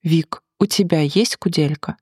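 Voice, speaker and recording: An audiobook reader voicing a brash, curious male bar manager who keeps needling his drinking friend, in a husky voice. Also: medium pitch, measured pace, darkish tone, no room sound, clean studio sound. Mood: teasing.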